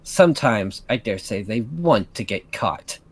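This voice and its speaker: A performer voicing a prim young woman who is bitter and stewing in a foul mood, with low, clipped, sneering delivery in an amateur voiced story reading. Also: big pitch swings, slow.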